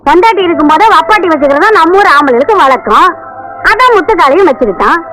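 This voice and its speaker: An actress playing a bold young village wife who scolds and taunts in a rush of proverbs. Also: female voice, very high voice, expressive, fast, bright, forceful tone, heavily acted, low-quality recording. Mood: taunting. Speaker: film actress. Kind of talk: film dialogue.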